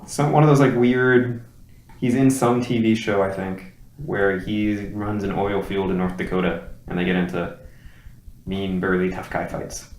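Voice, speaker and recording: A man's voice: on the low side, fairly even intonation, a little slow. A man co-hosting a casual movie chat, dry and offhand, often trailing off into mumbles. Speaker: podcast co-host. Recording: echoey room with faint noise.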